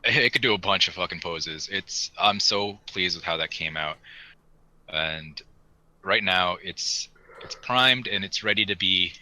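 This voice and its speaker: Talking model kits with obvious excitement, a male podcast co-host keeps things loose and informal. His low voice moves a little slowly and sounds bright and forceful.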